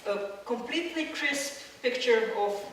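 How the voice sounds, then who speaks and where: A woman's voice: fairly high pitch, expressive, a little slow, fairly bright tone. A woman from Croatia delivers a public science lecture, explaining as she goes and restarting her sentences often. She is picked up from some distance in a strongly reverberant hall. A faint room hum sits underneath. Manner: explanatory, with many fillers and restarts. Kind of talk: public science talk with slides. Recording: echoey hall, mic at a distance.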